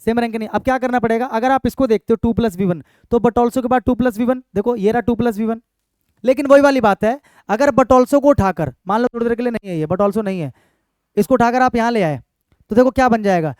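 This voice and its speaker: A man teaching English grammar for exams. He repeats his points, keeps asking the students questions and reads example sentences slowly and firmly. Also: extremely high pitch, a little mellow, clear, resonant tone, dry recording. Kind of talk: exam-prep grammar lesson.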